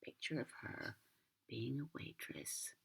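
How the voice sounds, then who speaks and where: A sweet old lady with an American accent reads a storybook in a low, very breathy voice that often drops to a whisper. She is a gentle grandmother who pauses for chatty asides to the child, and her intonation swings freely. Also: sing-song. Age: older. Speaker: grandmother reading a children's book.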